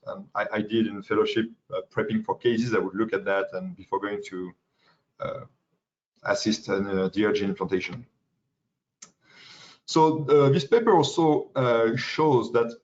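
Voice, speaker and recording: A young man with a French accent giving a medical webinar lecture as a fellow, halting with fillers and restarts. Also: on the low side. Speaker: pain medicine fellow presenting. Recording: dull lo-fi webinar audio.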